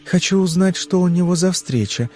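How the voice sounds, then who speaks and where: Storybook role: male reader doing an anxious young woman under hypnosis, pitched up, hesitant. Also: moderate pace, a little mellow, soft background music. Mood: uneasy. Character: frightened young woman reliving a trance.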